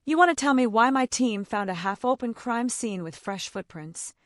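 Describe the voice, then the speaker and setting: Woman voicing a stern male cop, dry delivery, lively pitch, close dry sound. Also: normal speed, no room sound. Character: weary, dry-spoken male police detective.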